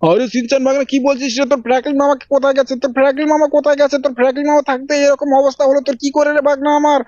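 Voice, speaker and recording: A worried cartoon uncle, as a woman puts him on, fussing with quick questions. The voice sits well below her own but stays fairly flat. It comes through dull and lo-fi. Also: high-pitched, no room sound, voice pushed down, natural voice.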